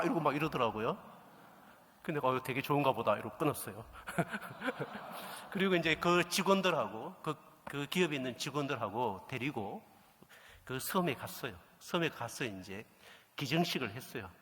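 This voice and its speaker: A middle-aged man preaching a sermon, telling a story and acting out the dialogue with lively energy. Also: a little high. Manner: animated storytelling, acts out quoted dialogue. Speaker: pastor. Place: church sanctuary. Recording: echoey church hall reverb.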